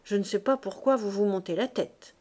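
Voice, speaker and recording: A woman's voice: mid-range voice, moderate pace, darkish tone, natural voice. A woman reading aloud, voicing a young, teasing niece who brushes off the gossip lightly. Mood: dismissive.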